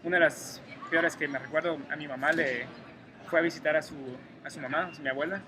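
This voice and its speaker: A little high and a little fast, with a steady tone, the voice belongs to a Guatemalan graduate student in his twenties. He responds to interview questions with care and many hesitations in a Guatemalan Spanish accent, against noisy room ambience.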